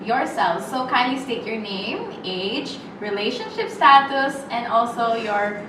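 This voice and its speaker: A woman's voice: a little high, animated, unhurried. A young woman, leading a role-played group therapy session as student occupational therapist and giving friendly step-by-step instructions. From Philippines. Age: young adult. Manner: friendly, guiding instructions with frequent okays. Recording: roomy distant recording with background noise.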